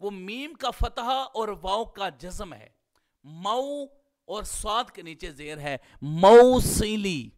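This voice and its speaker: Man, high-pitched voice, Pakistani Urdu accent, teaching lecture, spells words out slowly. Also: a bit bright. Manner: explains slowly, stretching out words to spell pronunciations. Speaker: Islamic scholar teaching hadith studies. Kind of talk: classroom-style lecture.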